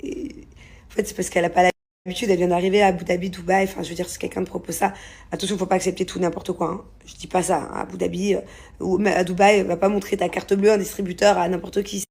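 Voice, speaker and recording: A woman's voice: fairly low pitch, little pitch movement, fast talker, vocal fry, a little mellow, husky. A woman telling a rambling, casual story in a vlog from a hotel room, with lots of fillers. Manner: chatty, rambling with many fillers. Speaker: vlogger.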